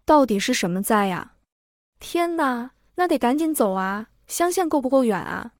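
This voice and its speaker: A fretful middle-aged servant woman, put on by a woman storyteller scolds in a raised voice. Her tone is on the higher side and the recording is dry and close. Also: animated, normal speed, no room sound. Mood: agitated. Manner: agitated, scolding.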